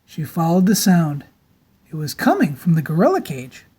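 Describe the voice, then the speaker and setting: A woman narrating a children's storybook aloud in a dramatic, theatrical style with deliberate emphasis. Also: low voice, very animated, warm tone, breathy edge.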